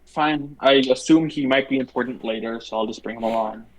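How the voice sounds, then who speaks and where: A man's voice: mid-range voice, fairly quick, crowd noise, rough recording. A man chatting casually as a player in a tabletop role-playing game. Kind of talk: casual chat during a game.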